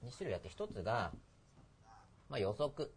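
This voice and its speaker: Man, middle-aged, podcast host, rambling, husky, very lively pitch. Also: normal speed. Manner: rambling, self-deprecating, laughs at himself. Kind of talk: casual podcast chat.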